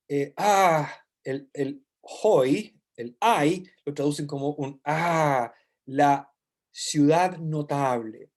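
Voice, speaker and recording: A man teaches a Bible study in a somewhat high voice. He explains patiently, repeats key phrases and often checks that his listeners are following. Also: a little mellow.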